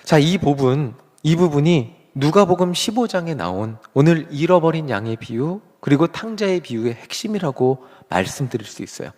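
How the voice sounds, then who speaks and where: A man's voice: a little high, lively intonation, normal speed, hardly any pauses, darkish tone, big-room sound. A man preaching a sermon as pastor, who asks his congregation questions as he goes. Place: church sanctuary.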